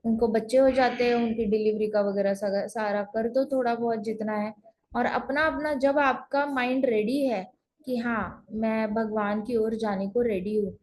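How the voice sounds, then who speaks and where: A woman with a high voice teaches a spiritual lesson over an online call from home. She talks in a chatty, loose way, repeats phrases for emphasis and drops in English words. There is a faint hiss of noise behind her. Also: a little mellow. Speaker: spiritual teacher telling scripture stories.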